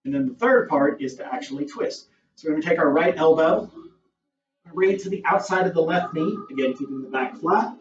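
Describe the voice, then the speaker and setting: A man's voice: on the high side, a little fast. Man leading a yoga class in an echoey room. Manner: calm, encouraging cues with casual asides. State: out of breath. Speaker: yoga instructor. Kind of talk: guided yoga class instruction. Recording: roomy, distant, dull camera audio with faint music.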